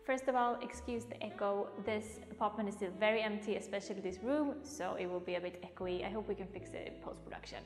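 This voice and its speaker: A woman's voice: mid-range voice, quick pace, few pauses. Woman in a heavily echoing empty room. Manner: chatty, with many "like" fillers. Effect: strong echo of an empty room. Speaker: vlogger. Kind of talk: casual home vlog chat. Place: nearly empty apartment room. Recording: echoey bare room with long reverb, faint music.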